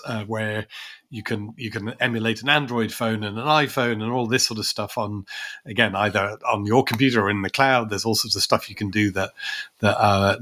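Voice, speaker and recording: A man's voice: lowish voice, a bit bright. A man co-hosting a podcast, talking through ideas thoughtfully with many restarts and asides. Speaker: podcast co-host. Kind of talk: conversational policy discussion.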